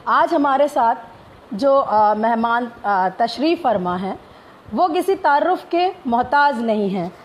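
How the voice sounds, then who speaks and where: A woman's voice: fairly high pitch, lively intonation, slow pace. A woman hosting a live stream, opening with formal greetings and often hesitating between phrases. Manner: formal Urdu-inflected greetings, many hesitations.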